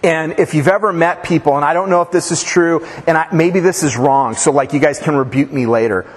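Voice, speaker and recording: A man preaches in a loose, chatty way, wandering into stories and side comments with plenty of fillers. His voice sits a touch high for a man. The sound rings out with a long reverb from a church sanctuary. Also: a little fast. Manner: informal, rambling asides with fillers and restarts. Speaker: pastor. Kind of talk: conversational sermon with storytelling.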